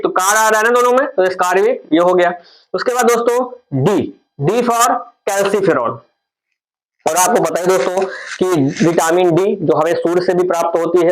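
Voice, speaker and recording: A man's voice: sits high, poor audio. A man teaching memory tricks, repeating points and asking and answering his own questions. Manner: addresses viewers as friends. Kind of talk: explaining memory tricks for a general studies lesson.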